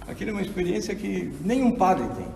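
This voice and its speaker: A man's voice: sits high, quick pace, gravelly, recorded from a distance, slight background noise. Man in his sixties lecturing in an echoey hall. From Argentina. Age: 60s. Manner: animated, preacherly storytelling. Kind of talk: theology lecture to an audience.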